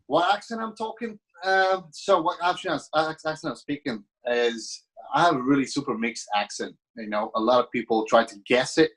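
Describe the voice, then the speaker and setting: This podcast guest is a business owner from Latvia, around 30, whose Latvian accent carries a slight British tinge. In a casual interview chat he is friendly and rambling, full of fillers and restarts, speaking at a moderate pace with an animated, medium-pitched, slightly bright voice. The recording is rough.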